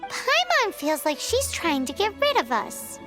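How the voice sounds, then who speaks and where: A woman's voice: extremely high pitch, huge pitch swings, a little slow, sharp tone, full character voice. A woman voicing a small, chatty floating companion in a video game who talks about herself in the third person. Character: tiny floating female fairy-like companion, chatty and cheeky. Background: game soundtrack music.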